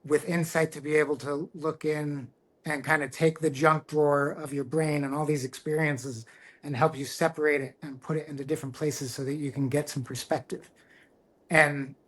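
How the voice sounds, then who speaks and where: Guesting on a podcast, a middle-aged man who works as a tattoo artist shares a personal story with candor. His voice runs slightly high for a man, and he sounds earnest and reflective, frequently breaking off and restarting phrases.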